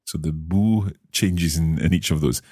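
A man hosting a language lesson podcast, trying out phrases slowly and asking curious questions. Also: rumbling low, darkish tone, no room sound, studio quality. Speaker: language course host.

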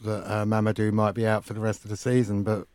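A man's voice: lowish voice, flat delivery, fast talker, a little mellow, clean tone, dry recording. A man bantering casually as a football podcast panellist.

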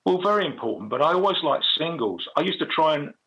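Gravelly middle-aged man reminiscing. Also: on the high side, expressive, fast talker, fairly bright tone, dull audio. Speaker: interview guest, musician. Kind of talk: casual anecdotal chat.

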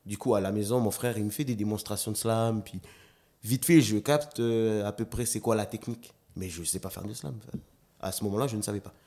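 A man, a dancer and slam artist, chatting as a guest in an interview, telling animated stories and acting out quotes, with frequent restarts. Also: fairly low pitch, fairly quick. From New Caledonia. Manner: animated storyteller, acts out quotes, stammers on restarts. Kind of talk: casual interview chat.

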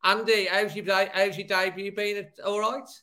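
A man's voice: high-pitched, little pitch movement, moderate pace, bright, forceful tone. Chummy man hosting a fan show. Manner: chummy, calls guests mate. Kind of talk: casual chat.

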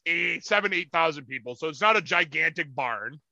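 A man's voice: a little high, a little fast, creaky, dry recording, highs cut off. A young man telling a rowdy, profane story as a podcast co-host over a video call. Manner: animated, profane, acts out quotes in loud voices. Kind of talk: casual storytelling chat.

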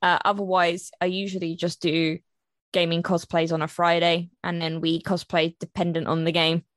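Brit girl on a podcast, low voice, chatty and open, dry sound. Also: level tone, normal speed, no echo. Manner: candid, chatty, laughs easily. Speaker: cosplayer and streamer guest. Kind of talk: casual podcast chat.

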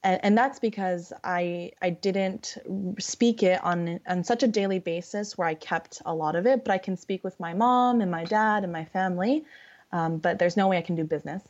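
A woman with a Californian accent and a fairly low, slightly mellow voice chats casually at normal speed as a podcast guest and English conversation partner. She talks in a giggly, hesitant way. The online voice call gives dull, lo-fi internet audio.

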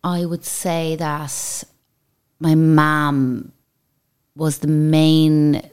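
A Dublin Irish woman with a notably low voice, talking as a guest in a relaxed interview. She rambles easily from one memory to the next in a chatty way. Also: extremely slow, clear, resonant tone. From Dublin, Ireland. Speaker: podcast guest, salon owner. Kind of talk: casual interview chat.

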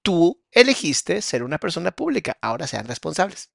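A man's voice: on the high side, sing-song, fairly quick, vocal fry, no echo. A man, a therapist host, commenting between clips and giving listeners direct advice.

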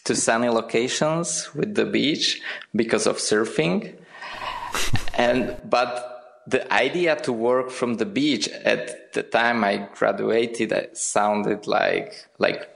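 Slow, gravelly young man from Slovakia. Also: medium pitch, fairly bright tone. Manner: hesitant, repeats words. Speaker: guest, founder. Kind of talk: podcast interview.

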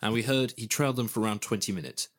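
A man co-hosts a news podcast, walking listeners through events in a brisk, scripted manner. His voice is very deep, and he moves along at a quick pace. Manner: brisk, explanatory. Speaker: podcast co-host and reporter.

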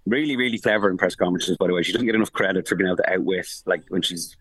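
A man, a sports journalist calling in from abroad who gives rapid, animated football analysis full of restarts and fillers. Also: deep voice, breathy edge, rough recording. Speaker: sports journalist reporting from the tournament. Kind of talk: casual podcast analysis. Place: remote link from abroad.

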